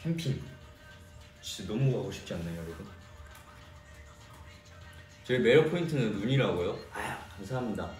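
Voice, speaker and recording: Hosting a livestream for fans, this young idol singer from Korea's Jeolla region answers comments in a relaxed, chatty way. His somewhat low, slightly mellow voice has lively intonation and a normal pace broken by frequent pauses. Soft music plays behind him, and the far-off mic gives the room an echo.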